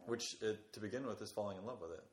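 A man's voice: lowish voice, fast talker, reverberant, a little hiss or hum. A man co-hosting a podcast in casual chat, eagerly explaining things. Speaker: podcast co-host.

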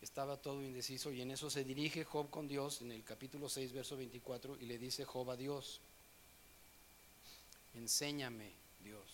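A man preaching a sermon, telling stories with swings from hushed scripture reading to loud animated moments. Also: medium pitch, slight background noise.

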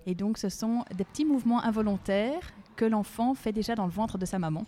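A woman, a speech therapist explaining her work in a podcast interview, calm and hesitant with many fillers. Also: medium pitch, fairly quick, slight background noise.

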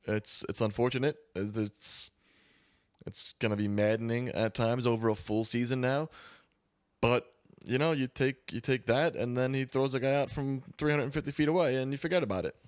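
A man co-hosting a casual podcast, answering in a calm, measured way. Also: medium pitch, no echo, studio quality. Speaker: podcast co-host. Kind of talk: casual chat.

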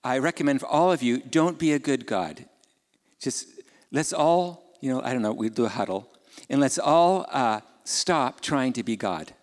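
A man's voice: medium pitch, lively intonation, moderate pace. A man preaching a sermon in a conversational way, asking his listeners questions and adding casual asides. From Ukraine. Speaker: pastor. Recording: long hall reverb.

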